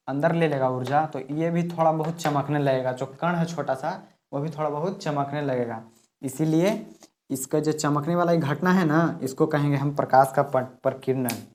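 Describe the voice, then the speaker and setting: A man's voice: fairly high pitch, darkish tone. A man teaching a physics class at a board, explaining step by step and repeating key words, his voice drifting off-mic while he writes.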